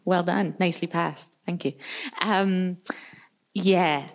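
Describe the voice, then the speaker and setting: A Scottish woman in her thirties presenting a workshop, chatting casually with lots of fillers into a handheld mic in a large community hall. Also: fairly low pitch. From Scotland. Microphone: handheld microphone.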